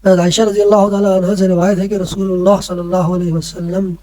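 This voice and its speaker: A man's voice: high voice, little pitch movement, darkish tone, poor audio. A man teaching a religious lesson to children, patiently explaining and often checking that they follow. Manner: patient, keeps checking in with listeners.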